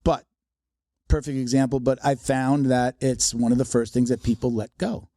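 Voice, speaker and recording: A man's voice: medium pitch, fairly even intonation, moderate pace, warm tone, no room sound, clean studio sound. A man hosting a casual podcast conversation, rambling with many restarts.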